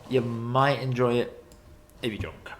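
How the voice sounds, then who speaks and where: A man's voice: medium pitch, measured pace, slight background noise. A British man giving casual film review commentary as a streaming host, blunt and opinionated in colloquial language.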